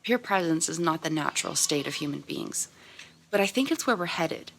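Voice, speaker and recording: Low, gravelly, bright-toned woman vlogger. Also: lively intonation, normal speed, a little hiss or hum. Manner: enthusiastic, playful, laughs often. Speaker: self-help vlogger. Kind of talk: casual motivational monologue.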